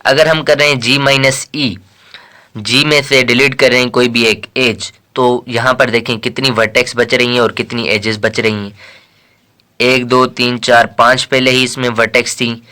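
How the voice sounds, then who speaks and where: A man's voice: mid-range voice, level tone, normal speed, pushed and bright. A man from Pakistan teaching a math lesson in a casual lecture style, counting aloud and reading questions before explaining them.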